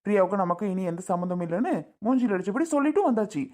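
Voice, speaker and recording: A woman's voice: mid-range voice, lively intonation, rapid-fire, dark tone, lightly acted. A woman playing a patient relative who coaxes and apologizes, a bit exasperated, in a family skit. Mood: coaxing. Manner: coaxing, exasperated.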